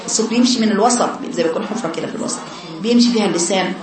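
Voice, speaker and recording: An Egyptian woman teaches Quran recitation to her class of women, going step by step and asking them questions. Her voice sits at a middle pitch and is picked up from a distance. It echoes heavily around the room, with the sound of a gathered crowd behind her. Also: rapid-fire. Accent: Egyptian Arabic. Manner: explains step by step, asks her students questions. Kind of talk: informal classroom lesson. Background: audience of women students.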